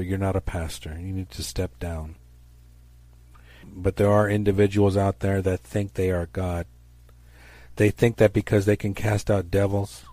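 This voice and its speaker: Stern and accusatory, a male preacher thunders out a fire-and-brimstone sermon, his low, mellow voice declaiming each phrase with weight. The sound is dry and close-miked, free of any room reflections.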